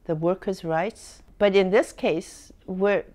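A woman's voice: mid-range voice, fairly even intonation, slow, darkish tone. A woman in her eighties speaking earnestly and indignantly in an interview. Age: 80s.

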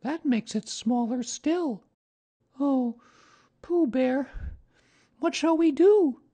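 A man voicing an eager, affectionate young boy in a storybook reading, with a high, childlike voice. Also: drawn-out words, dark tone, exaggerated voice. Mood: worried, pleading.

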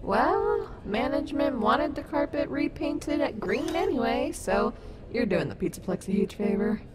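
A woman's voice: a little high, animated, moderate pace, close to an everyday voice. A woman playing a caring, sassy robot wolf animatronic in an ASMR audio roleplay, soothing and reassuring with a wry streak. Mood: comforting, wry. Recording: noticeable background noise.

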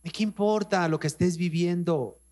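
Emphatic Mexican pastor preaching. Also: male voice, high voice, normal speed, darkish tone. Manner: emphatic, repeats phrases, addresses congregation directly. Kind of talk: sermon. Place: church.

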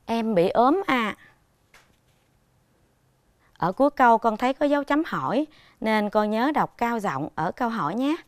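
A woman primary school teacher leads a televised reading lesson for young children. She speaks patiently and instructively, pronouncing every word clearly. Her voice sits fairly high, and the recording is dry and close. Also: animated, brisk, no echo.

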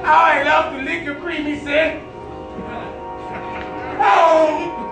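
A manic shrill chihuahua captain, very high, stage recording with crowd. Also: male voice, little pitch movement, takes it slowly, over music. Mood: crazed. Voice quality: shrill, unhinged ranting. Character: Ren, a manic scrawny male chihuahua space captain. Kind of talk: live stage comedy acting. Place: small theater stage. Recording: echoey room from a far phone camera, audience laughter.

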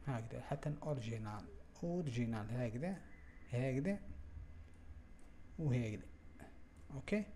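A young man with an Algerian Arabic accent hosting a software tutorial, thinking aloud in a halting way and muttering to himself as he works. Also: mid-range voice, gravelly, slight background noise. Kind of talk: screen-recorded software walkthrough.

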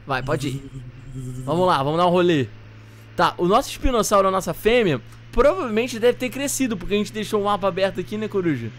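A young man hosting a gaming channel, chatting excitedly and joking with his co-player during gameplay. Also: high voice, fast talker. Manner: animated, exclaiming, joking with co-player.

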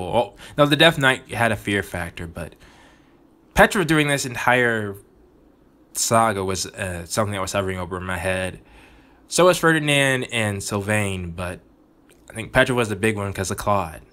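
A man's voice: lowish voice, bright, forceful tone. A man hosting a gaming channel, talking earnestly and reflectively about his playthrough in casual commentary. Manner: earnest, reflective, thinking aloud.

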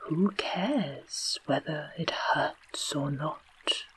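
A woman with an English accent voicing a gruff but tender-hearted male tiger in a low unvoiced whisper, as whispered role-play. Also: very slow.

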